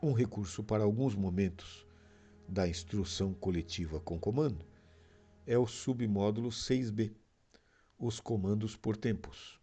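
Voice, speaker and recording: A man narrating a training lesson in a slow, measured scripted read. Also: on the low side, dark tone, husky, faint music behind.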